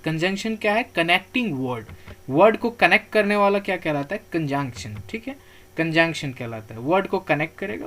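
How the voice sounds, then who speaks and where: A man teaching grammar terms on slides. He repeats key words slowly for pronunciation, asks questions and answers them himself, and tells learners not to worry. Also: high voice, a bit bright.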